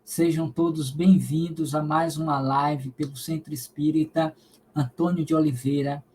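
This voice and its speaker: A man from Salvador, Bahia, giving a spiritist lecture and leading a prayer in a slow, solemn, measured way. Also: on the high side, flat delivery, a little mellow, a little hiss or hum, poor audio. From Salvador, Bahia, Brazil. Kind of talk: devotional lecture and prayer in a live stream.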